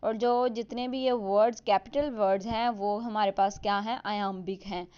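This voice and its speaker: A woman explaining a literature lesson in Hindi-Urdu mixed with English terms, reading definitions slowly. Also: medium pitch, steady tone, a little mellow, clean tone. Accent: Indian or Pakistani. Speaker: teacher. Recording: dull lo-fi sound.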